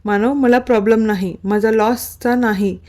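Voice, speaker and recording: A woman's voice: on the high side, fairly even intonation, normal speed, warm tone, lightly acted. A woman reading a story aloud and voicing a protective young man who gives curt, worried orders. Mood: tender.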